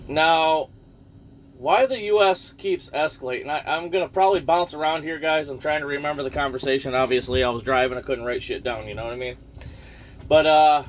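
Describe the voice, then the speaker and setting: A man's voice: a little high, fairly quick, a little hiss or hum. A man rambling casually about the news to his viewers, losing his thread now and then and swearing offhand. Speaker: vlogger.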